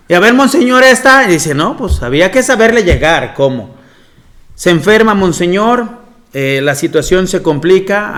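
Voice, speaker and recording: Guy giving a talk, tells stories and keeps laughing, voice on the higher side. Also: fairly bright tone. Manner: storytelling with frequent laughter. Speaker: monsignor giving a lecture. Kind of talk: anecdotal lecture.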